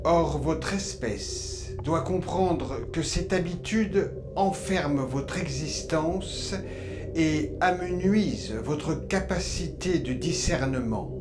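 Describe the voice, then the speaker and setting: A man playing an aloof alien emperor who lectures humans in a formal, measured, detached way in a science-fiction drama. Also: on the high side. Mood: solemn, lecturing. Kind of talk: scripted science-fiction monologue. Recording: loud background noise and ambience.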